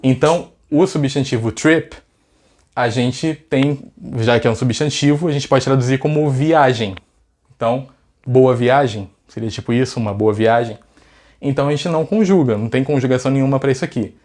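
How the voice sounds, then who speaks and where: A man's voice: medium pitch, moderate pace, a little mellow. Brief: chatty Brazilian male teacher, casual lesson, keeps asking the viewers questions. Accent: Brazilian Portuguese. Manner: chatty, asks rhetorical questions. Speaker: English teacher.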